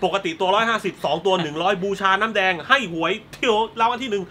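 Fast-talking bright-voiced man. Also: high voice, slight background noise. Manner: profane, joking, animated storytelling with sound effects. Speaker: film recap host. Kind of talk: casual film spoiler recap.

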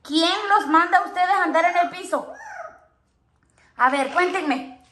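A woman's voice: very high-pitched, measured pace, a bit bright. A woman talking playful baby talk to her pet parrots, cooing and often laughing.

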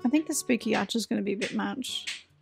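Thinking aloud as she plays, a forties-aged let's play host offers casual, self-deprecating commentary. She speaks fairly quickly at a medium pitch with vocal fry, and soft music plays in the background.

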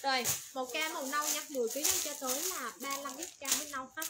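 A woman running a livestream clothing sale, rattling off colors, sizes and prices in quick, repetitive patter. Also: high voice, fairly even intonation. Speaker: online clothing seller. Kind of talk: livestream sales pitch. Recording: noisy background.

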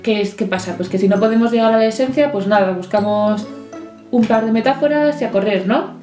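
Lively woman teaching poetry. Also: fairly high pitch, brisk. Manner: lively, chatty, playful asides. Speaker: literature teacher. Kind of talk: poetry lesson with a reading. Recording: echoey room, soft guitar music.

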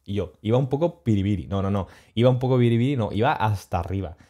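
A man telling a travel story on his stream in a casual, animated, slangy way, chuckling as he goes. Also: lowish voice, fast.

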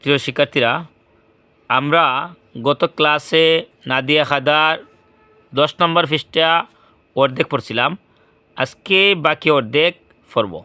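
A man's voice: fairly high pitch, sharp tone, smooth, dry recording. Patient male Quran-reading teacher. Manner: slow, patient letter-by-letter recitation. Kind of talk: spelling-drill lesson.

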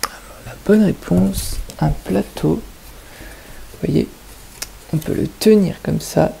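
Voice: medium pitch, slow, gravelly, warm tone, slight background noise, low-quality recording. A kindergarten teacher with a French accent, patiently explaining a lesson to young children and asking them questions step by step.

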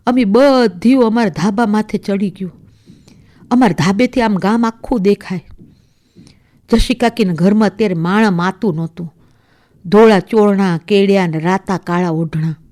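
A woman reads a story serial on the radio, telling it in the first person with a steady, measured delivery. Her voice sits at an everyday middle pitch, neither high nor low. She narrates calmly and clearly throughout. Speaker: story reader.

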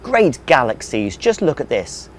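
A man's voice: mid-range voice, huge pitch swings, measured pace, darkish tone, slight background noise. A man doing a jolly welcoming space alien. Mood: cheerful. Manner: jolly, welcoming, a little grand. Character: cheerful friendly alien zookeeper.

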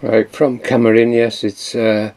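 A solo sailor films a casual video diary of his voyage on a handheld camera, rambling hesitantly with lots of ums and uhs, both at sea and in harbour. His voice is medium-pitched, slow, a little mellow and barely moves in pitch, with no echo. Wind and water noise run through the noisy outdoor audio.

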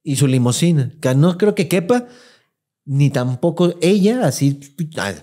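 A man's voice: a little high, lively intonation, a little slow, dark tone. A man with a Mexican accent, co-hosting a podcast with joking, slangy banter. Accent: Mexican Spanish. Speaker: podcast co-host. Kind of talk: casual chat.

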